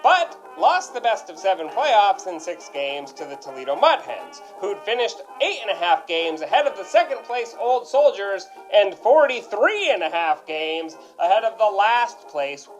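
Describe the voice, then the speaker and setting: High-pitched man, mock-formal radio narration. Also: big pitch swings, moderate pace, hardly any pauses, highs cut off. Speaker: segment host and correspondent. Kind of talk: scripted narration in old-time radio quiz style. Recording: music behind the voice.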